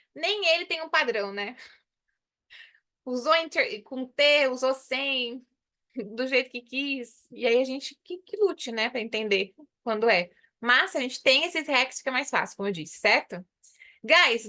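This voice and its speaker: A woman from Brazil teaching an English lesson, explaining patiently and slowly repeating English phrases. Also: high voice, bright, forceful tone. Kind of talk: online English lesson in Portuguese.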